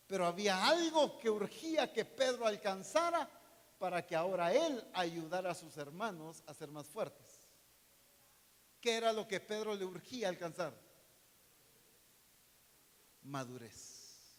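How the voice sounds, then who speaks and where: High-voiced preaching man, church reverb. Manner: preaching with rhetorical questions, reading Bible verses aloud; swings between loud emphasis and soft, slow phrases. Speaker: pastor. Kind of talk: sermon. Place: church sanctuary. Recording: long hall reverb.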